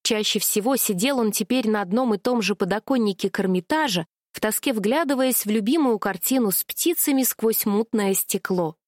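A woman reading a children's story aloud with gentle, expressive narration. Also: medium pitch, normal speed, hardly any pauses, no echo, studio quality.

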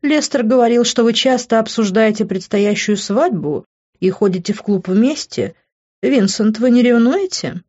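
A woman voicing a sly, mocking society woman in a higher, teasing tone. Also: normal speed, warm tone, muffled recording, close to an everyday voice.

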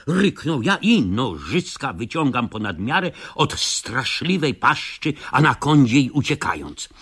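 A man reading a comic first-person radio story in quirky old-fashioned grammar, with a theatrical delivery and sudden shouts. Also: mid-range voice, breathy edge.

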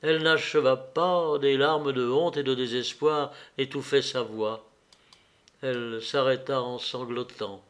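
A man reading a classic novel aloud in a measured way, with small hesitations now and then. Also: mid-range voice, steady tone, fairly bright tone. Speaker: audiobook reader. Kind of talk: audiobook narration.

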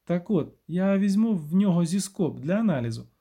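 A male reader voicing a brisk, urgent young woman who heads a lab, speaking in clipped lines in an audiobook. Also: high-pitched, expressive, dark tone, slightly rough, exaggerated voice.

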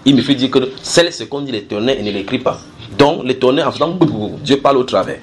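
Fast-talking male preacher teaching a group. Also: mid-range voice, crowd noise. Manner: explanatory, repeats key phrases, builds everyday analogies; asks listeners questions and draws call-and-response. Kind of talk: sermon-style Bible teaching to a group.

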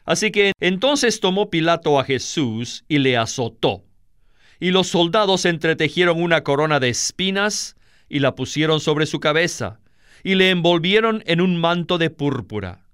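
Slow, smooth male scripture reader. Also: on the high side, expressive, a bit bright, no room sound, clean studio sound. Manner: measured, deliberate. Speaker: Bible reader.

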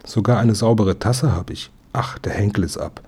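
Cheerful chatty little girl, played by a male reader, pitched up a touch. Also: normal speed, darkish tone, husky. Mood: chirpy. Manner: chirpy, chatty.

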